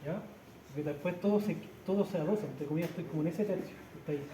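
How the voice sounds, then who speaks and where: Man instructor, fairly high voice, hands-on class demo, echoey room, loud background noise. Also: fast talker. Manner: explains step by step, often checks with "¿ya?". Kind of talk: hands-on practical class demonstration. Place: practice room with a treatment table.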